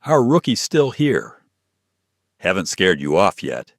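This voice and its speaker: A man voicing a smug male flight crew chief whose polished charm turns to quiet threat, in an audio story. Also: sits low, huge pitch swings, slow pace, no echo, clean studio sound, exaggerated voice. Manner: falsely charming, hardening to threat.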